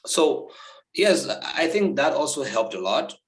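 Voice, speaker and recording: A young Liberian man, a law graduate, is interviewed over a video call and speaks casually with lots of fillers and repeated words. His voice is slightly high, very animated, and slow, with a roomy sound.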